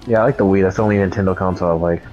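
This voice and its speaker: A man with a low voice chats casually as he streams a video game. The sound is slightly dull, with faint music underneath. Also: fairly even intonation, rapid-fire, a little mellow. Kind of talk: casual chat while playing a game.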